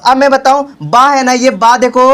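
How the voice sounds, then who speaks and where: The recording, noisy and full of clicks, captures a young tuition teacher in a classroom of children, running call-and-response drills and calling his pupils beta. His pitch is extremely high, his intonation fairly even, and his speed normal.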